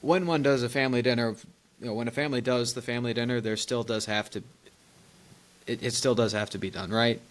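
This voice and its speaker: Young male podcast co-host, mid-pitched, lively storyteller who laughs a lot. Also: fast. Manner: animated storyteller, laughs often, rambling restarts. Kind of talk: casual chat, storytelling.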